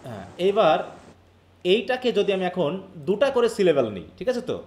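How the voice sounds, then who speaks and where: A man from Bangladesh teaches a live online class in a high, lively voice. He explains each point step by step, slips English terms into his talk and keeps asking his students questions. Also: a little fast, background noise.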